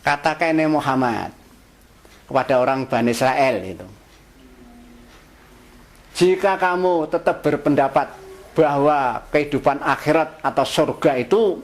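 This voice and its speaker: Man teaching Quran verses in speech. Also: on the high side. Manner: recites Arabic verses, then explains them in plain words; lively, rhetorical questions. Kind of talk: Quran exegesis lesson.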